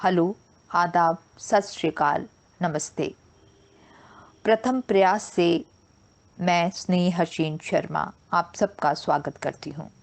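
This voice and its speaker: A woman's voice: on the low side, slow, gravelly, long pauses. A woman teaching an English grammar lesson, spelling words out letter by letter.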